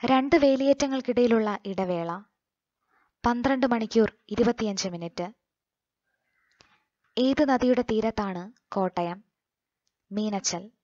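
A Malayali woman reading quiz questions and their answers for exam coaching, in a slow, measured manner. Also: fairly high pitch, warm tone, no room sound, muffled recording.

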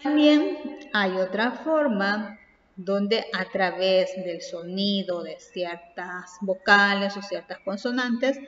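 Woman teacher in an echoey room. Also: mid-range voice. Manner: slow, explanatory, reads examples aloud. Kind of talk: recorded class lesson. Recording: far off, roomy echo, dull sound.

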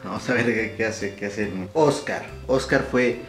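This young adult vlog host has a Mexican accent and a fairly low but fairly bright voice, talking at a moderate pace. As a YouTube prankster, he's playful and slangy with his viewers, often repeating himself. He's recording in a small room with shelves, with a roomy echo and light music behind.

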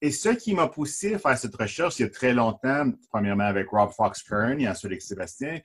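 A man in his forties from northern Alberta speaks over a webcam from his office. His voice is mid-pitched and slightly husky, and he explains his research in a steady, measured manner. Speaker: professor, guest. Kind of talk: academic interview over video call. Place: office with bookshelves, indoors. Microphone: video call webcam.

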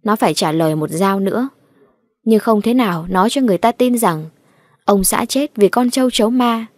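Lady telling a creepy ghost story, slow and measured, dry close mic, middle pitch. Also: darkish tone, dry recording. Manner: slow, measured, dramatic reading. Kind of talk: scripted ghost story narration.

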